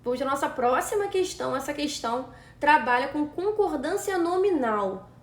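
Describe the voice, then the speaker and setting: A woman teaching a grammar exam-prep lesson, methodical, slowing down to spell words out syllable by syllable. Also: high voice, lively intonation, roomy sound. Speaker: Portuguese teacher.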